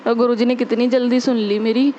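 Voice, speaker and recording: A young woman telling a heartfelt spiritual testimony, earnest and repetitive, with many pauses and fillers. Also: a little high, little pitch movement, warm tone, slight background noise. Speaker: devotee sharing a testimony. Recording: dull lo-fi recording.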